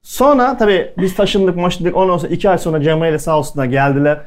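A man's voice: high-pitched, fast talker. A man speaking at a culinary event, telling stories casually to the audience and acting out the lines of the people in them. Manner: chatty anecdotal delivery, acting out quoted dialogue. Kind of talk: casual storytelling talk to an audience.

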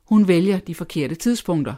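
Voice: mid-range voice, animated, dark tone, lightly acted. A reader doing a dry, teasing old-fashioned father. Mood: wry. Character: dry sarcastic middle-aged father and husband. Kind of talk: audiobook character voice.

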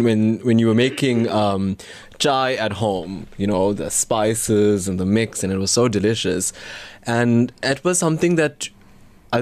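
A man's voice: medium pitch, a little mellow. A man with a Durban Indian South African accent hosting a casual radio talk show, conversational and often rephrasing himself mid-thought. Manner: halting, frequently rephrasing, conversational.

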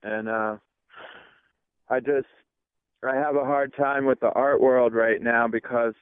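A man's voice: medium pitch, steady tone, measured pace, clean tone, no echo. A man calling into a radio talk show, speaking hesitantly with many fillers over a crackly cordless phone line that keeps cutting in and out.

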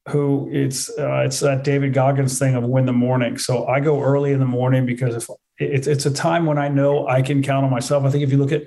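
A man's voice: mid-range voice, a little mellow. A man giving conversational, matter-of-fact answers as a fitness trainer, repeating points for emphasis. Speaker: fitness trainer, interview guest. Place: remote video call.

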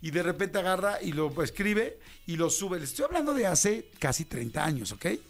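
High-voiced Mexican man telling a story. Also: normal speed. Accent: Mexican Spanish. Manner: animated, acts out quoted voices, slangy. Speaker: radio show host. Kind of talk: casual storytelling.

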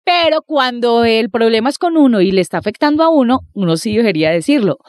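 A woman's voice: fairly high pitch, animated, quick pace, dry recording, clean studio sound. A woman hosting a podcast, brash and teasing in casual chat. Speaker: podcast host.

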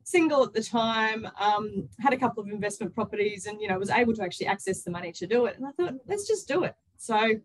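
An excited, chatty woman with an Australian accent, telling personal stories casually as an interview guest. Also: mid-range voice, quick pace, few pauses, low-quality recording. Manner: excited, chatty, with quoted self-talk. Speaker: interview guest, author and workplace culture consultant.

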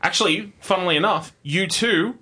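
A man co-hosting a casual music chat, excitable and sweary, announcing songs like a top ten countdown. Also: sits high, normal speed, husky. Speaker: podcast co-host.

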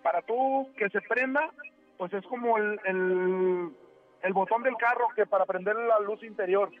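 A man, calling into a radio show and telling a ghost story in a halting, rambling way with many restarts. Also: high voice. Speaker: radio caller. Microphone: telephone. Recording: tinny phone line with faint music.

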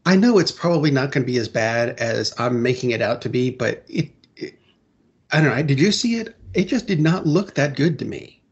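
Gravelly middle-aged guy on a podcast, kinda husky, dull lo-fi sound, keeps clearing his throat. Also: medium pitch, expressive, brisk. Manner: rambling, self-correcting, frequent throat clearing. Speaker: podcast co-host. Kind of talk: casual chat about comic book films and shows.

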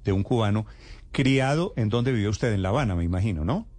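Radio host guy, low voice, pushy but polite questions. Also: lively intonation, fairly quick, a little mellow. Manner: probing, interrupting politely. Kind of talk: radio news interview.

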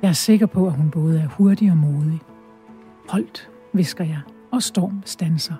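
A woman's voice: low voice, dark tone, soft background music. A woman author reading from her novel and talking about her writing, with frequent hesitations and restarts. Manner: hesitant, many fillers and restarts. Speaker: author and guest. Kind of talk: reading aloud from her novel and interview talk.

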